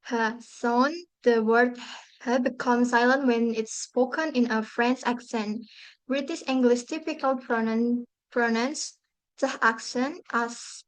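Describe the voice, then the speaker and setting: A woman's voice: fairly high pitch, poor audio. A woman student presenting a class talk, reading carefully from notes and restarting words.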